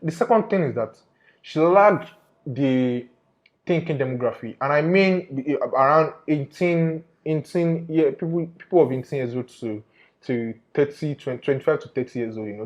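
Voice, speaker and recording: A man's voice: mid-range voice, darkish tone, lo-fi sound. A man giving an informal investigative report to viewers, emphatic and often repeating his phrases. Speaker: undercover investigator presenter.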